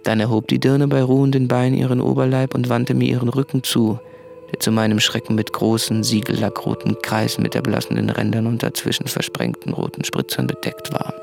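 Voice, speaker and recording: With music in the background, a male actor in a radio play voices a brooding, tormented diarist in a medium-pitched, creaky voice. His confession is an introspective, halting monologue with a haunted mood.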